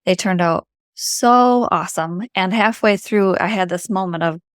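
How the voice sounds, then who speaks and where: A middle-aged woman speaks with an Upper Michigan Yooper accent at an average pitch. She tells a personal story in an informal, chatty manner, leaning on words for emphasis. The sound is dry, with very little room echo. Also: normal speed. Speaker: vlogger.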